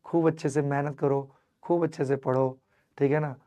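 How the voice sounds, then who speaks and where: With a fading voice and a strained throat, a man teaches chemistry online in a lively lecture, speaking fondly to his students as "my child" and slipping in English words. He talks at a moderate pace in a mid-range voice with fairly even intonation.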